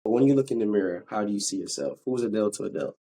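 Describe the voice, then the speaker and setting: Husky chatty podcast host man. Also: fairly low pitch, rapid-fire, mellow, poor audio. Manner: chatty, hesitant, with restarts and apologies. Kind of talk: casual interview.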